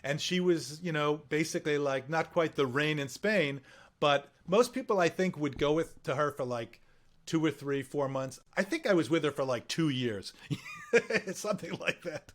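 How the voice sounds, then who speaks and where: Man, higher-pitched than most, chatting easily as a guest. He tells his stories with energy and laughs readily. His delivery stays warm and conversational. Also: moderate pace. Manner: lively storyteller who acts out quoted voices; laughs often. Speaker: medical correspondent guest. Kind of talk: casual conversation.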